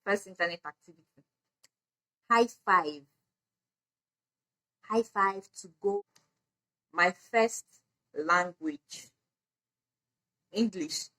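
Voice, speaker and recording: A young adult Nigerian woman with a Nigerian accent, whose first language is Edo, speaks slowly in a sharp, mid-range voice and pauses often. In her casual get-to-know-me vlog she laughs and uses "like" as a frequent filler.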